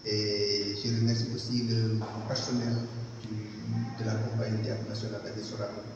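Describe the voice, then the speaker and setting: Man giving a halting speech in an echoey hall. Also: on the low side, completely flat delivery, over loud music. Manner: halting, with many fillers and restarts. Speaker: exhibition curator giving a speech. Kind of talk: formal thank-you speech. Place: large hall at an art gallery. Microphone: far camera. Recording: echoey hall from far off, dull, noisy.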